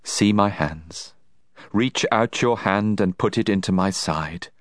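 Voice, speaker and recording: A man voicing Jesus in a dramatized scripture reading, slow, grave and soft-spoken. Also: fairly low pitch, no echo, studio quality. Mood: solemn. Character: solemn, gentle adult male Jesus.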